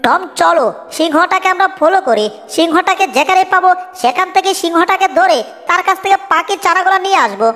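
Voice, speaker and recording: A woman voicing a clever, fussy male cartoon mouse in a homemade dub, scolding and quick to worry. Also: extremely high pitch, lively intonation, fairly bright tone. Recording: long reverb, echoey room.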